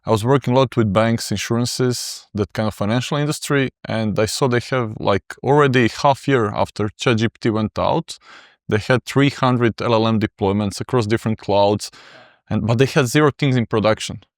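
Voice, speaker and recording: Low-voiced guy, speaks english kinda halting and measured, dry mic. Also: dry recording. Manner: measured, slightly halting non-native phrasing. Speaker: startup CTO and co-founder. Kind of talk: casual interview talk.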